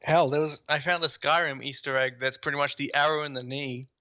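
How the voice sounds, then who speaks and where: A man's voice: on the high side, level tone, fairly quick, pushed and bright. A man chatting enthusiastically as a gaming podcast host. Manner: enthusiastic, rambling. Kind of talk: casual gaming podcast chat.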